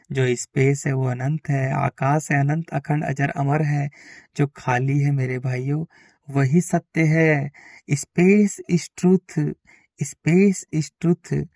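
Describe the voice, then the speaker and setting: A man's voice: a little high, creaky, darkish tone, dry recording, studio quality. A man preaching a repetitive, exhorting spiritual monologue to his listeners.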